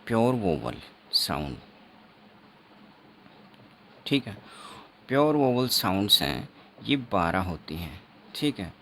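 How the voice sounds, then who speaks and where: A man teaching an exam-prep phonetics lesson, explaining slowly and repeating himself, writing on a board as he talks, with Indian English words. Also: on the low side, a bit bright, a little hiss or hum. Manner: slow, repetitive teaching with frequent checks; writes on a board while talking.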